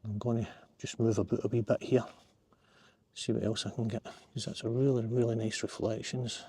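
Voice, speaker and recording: A man's voice: lowish voice, level tone, moderate pace, dark tone, breathy edge. A middle-aged Scottish man, a landscape photographer, chatting to himself in a casual vlog while hiking through riverside woods outdoors.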